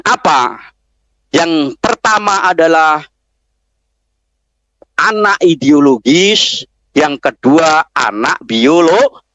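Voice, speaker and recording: A man's voice: fairly high pitch, lively intonation, drawn-out words, pauses often, fairly bright tone, no echo, muffled recording. A man preaching a sermon to students, telling a story and firing rhetorical questions at the crowd. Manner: keeps asking the audience rhetorical questions. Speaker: preacher addressing Islamic boarding school students.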